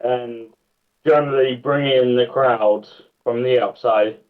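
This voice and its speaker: A man's voice: mid-range voice, fairly even intonation, takes it slowly. A man chatting casually as a player in a tabletop game, on a thin microphone. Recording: thin phone-like microphone sound.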